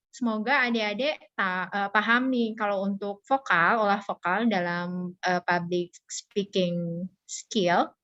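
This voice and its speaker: A woman's voice: mid-range voice, no room sound. Woman teaching on a muffled video call. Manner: lively, playful, laughs often. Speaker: public speaking trainer. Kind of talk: online workshop teaching.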